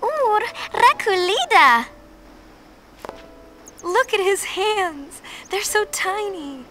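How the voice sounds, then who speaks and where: Game role: earnest, sweet young woman, unhurried, lilting widely, over clear music. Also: very high voice, sing-song, bright, forceful tone, heavily acted. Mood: delighted. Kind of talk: video game voice acting.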